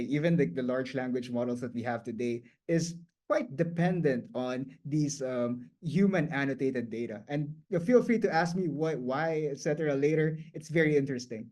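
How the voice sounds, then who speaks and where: On the high side and a little mellow, this speaker's voice carries an explanatory guest lecture. He's a native Tagalog speaker who talks casually, often starting phrases over and leaning on "um" and "like" to fill pauses.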